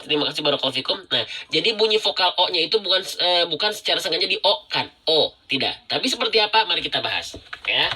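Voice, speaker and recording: A man with a slightly high, sharp voice teaches Quran recitation rules in a live-streamed lesson. He patiently repeats and demonstrates letter sounds and thanks his viewers.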